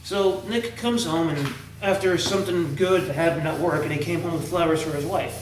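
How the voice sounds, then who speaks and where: A man's voice: fairly high pitch, moderate pace. A man co-hosting a casual chat, retelling movie scenes and jokes in a rambling way and acting out the quoted lines. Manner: rambling storyteller with restarts, acts out quoted lines. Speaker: co-host. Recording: roomy, distant mic with faint hiss.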